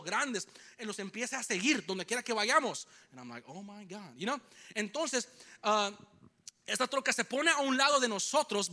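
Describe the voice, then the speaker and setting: A young man preaching a sermon to a congregation, telling a personal story with animated delivery and English phrases mixed in. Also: extremely high pitch. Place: church hall with congregation.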